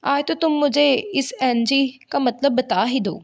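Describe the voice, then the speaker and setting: A woman voicing a proud young husband who talks gruffly and curtly to his wife. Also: high voice. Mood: puzzled. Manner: gruff and curt.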